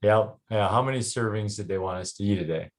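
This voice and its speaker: Halting Canadian man, lowish voice. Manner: halting, frequent ums and restarts. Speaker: health clinic doctor. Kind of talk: casual presentation to a group.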